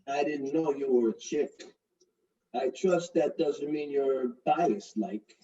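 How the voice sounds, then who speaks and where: A man's voice: mid-range voice, takes it slowly, warm tone, recorded from a distance, muffled recording, close to an everyday voice. A man doing a swaggering New wise guy. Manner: swaggering, crude, wisecracking. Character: brash middle-aged mobster-type New York fiancé. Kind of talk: comedic courtroom parody acting.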